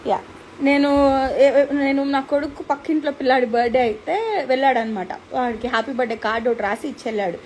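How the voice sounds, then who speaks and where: Earnest young Telugu woman, high voice. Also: a little fast, darkish tone, a little hiss or hum, poor audio. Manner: earnest, conversational, with code-switching to English. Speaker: host reading viewer comments. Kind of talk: casual live chat.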